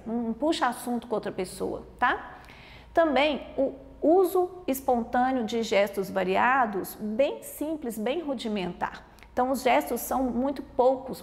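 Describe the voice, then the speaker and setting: A woman pediatric neurologist with a Brazilian Portuguese accent, giving an explanatory lesson and often checking in with a quick "tá?". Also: on the high side, in a large hall. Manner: explanatory, peppered with "tá?" check-ins.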